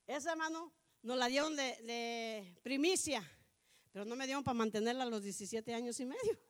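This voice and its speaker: Fervent high-voiced woman preaching. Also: a little fast. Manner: addresses listeners as brother again and again, rises to fervent outbursts. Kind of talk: sermon.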